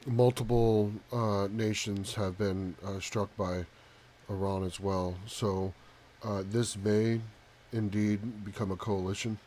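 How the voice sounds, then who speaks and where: A soft-spoken man hosting a live stream with casual commentary, halting often with pauses and ums. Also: on the low side, flat delivery, slight background noise. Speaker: live talk show host.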